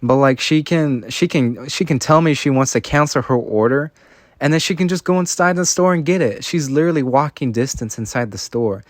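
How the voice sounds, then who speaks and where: A man's voice: mid-range voice, brisk, no echo, clean studio sound. A young man ranting casually while playing a video game, rambling and frustrated, with lots of filler words. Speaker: vlogger. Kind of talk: casual rant while gaming.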